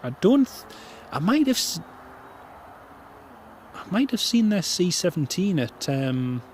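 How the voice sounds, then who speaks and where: A man with a Northumbrian accent close to Geordie, chatting casually and warmly to viewers as a live planespotting streamer, often repeating his phrases. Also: high-pitched, big pitch swings, takes it slowly, a little hiss or hum. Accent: Northumbrian, near Geordie. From North East England. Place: outdoors by an airport runway.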